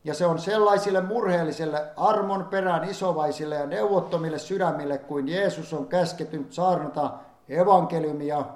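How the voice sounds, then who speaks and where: A man's voice: a little high, darkish tone. A man reading an old-fashioned sermon aloud in a solemn, fervent manner, rising in emphasis on pleading passages. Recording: echoey room.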